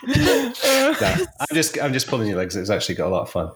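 A man's voice: lowish voice, wildly swooping pitch, quick pace, heavy background noise. A man hosting a podcast chat, joking and teasing his guests. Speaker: podcast host and editor. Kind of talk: casual chat.

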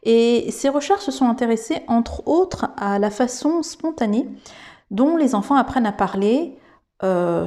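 Slow, mellow-voiced woman teaching. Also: on the high side. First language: French. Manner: thoughtful, with frequent fillers and restarts. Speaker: English teacher and podcast host. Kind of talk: podcast lesson.

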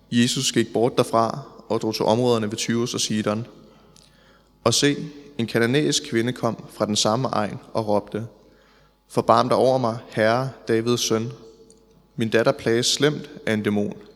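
A man reading psalms and gospel aloud in a church service, in a measured, solemn way. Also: medium pitch, steady tone. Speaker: scripture reader in church service. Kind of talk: liturgical scripture reading. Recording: long church reverb.

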